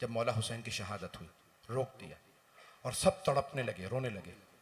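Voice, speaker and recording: A male cleric delivering a mourning sermon, moving from soft storytelling to loud, wailing recitation. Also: on the low side, moderate pace. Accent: Indian English-Urdu mix, Londoner. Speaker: Shia cleric giving a majlis.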